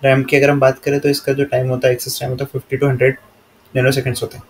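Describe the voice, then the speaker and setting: Here an Indian man teaches from slides, his mid-range voice plain and nearly flat in intonation. He takes each English line slowly, then goes over it at a measured teaching pace, and there is a little hiss or hum in the recording.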